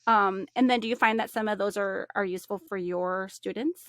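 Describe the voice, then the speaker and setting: A woman's voice: medium pitch, steady tone, brisk, fairly bright tone, no echo, studio quality. Woman podcast host asking questions. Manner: friendly questions, brief backchannels. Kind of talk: casual interview chat.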